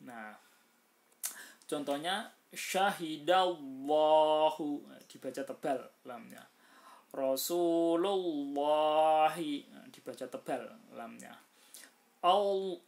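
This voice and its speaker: A man gives a relaxed recitation lesson, moving slowly through each rule. He chants his example words louder and stretches them out, and he explains in between with frequent hesitant fillers. His pitch sits in a middle range. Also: creaky. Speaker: Quran recitation teacher. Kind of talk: casual tajwid lesson.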